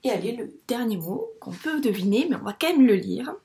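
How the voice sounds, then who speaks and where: This teacher, a French woman working with first graders, patiently guides a young child through phonics by sounding words out syllable by syllable. Her voice is on the high side, expressive and dark, and she draws each syllable out slowly.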